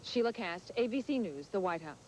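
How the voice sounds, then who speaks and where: A woman's voice: mid-range voice, expressive, fairly quick, a little mellow, slight background noise, rough recording. A woman TV correspondent delivering a scripted news report.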